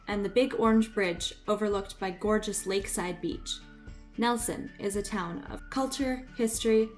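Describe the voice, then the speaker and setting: Female narrator, scripted family-video voice-over, soft music bed. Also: fairly high pitch.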